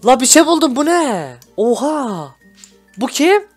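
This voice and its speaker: Excitable young man commenting on a game. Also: very high voice, measured pace. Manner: excitable, shouty, constantly reacting. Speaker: gaming YouTuber host. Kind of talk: gameplay commentary. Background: background music.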